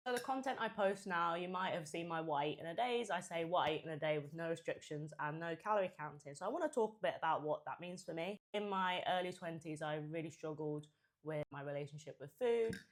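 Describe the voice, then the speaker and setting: Young woman, low register. Informal mukbang chat, talking between and through mouthfuls, chewing. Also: fast. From Hampshire, England and Japan. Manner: chewing and eating while talking, mouth sometimes full; chatty, informal. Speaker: food content creator. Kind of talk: casual mukbang chat to followers.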